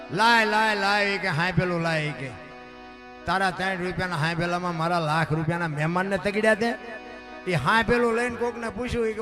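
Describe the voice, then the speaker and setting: A man telling a folk story in a sermon, acting out villagers' voices. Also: high-pitched. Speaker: storyteller preacher.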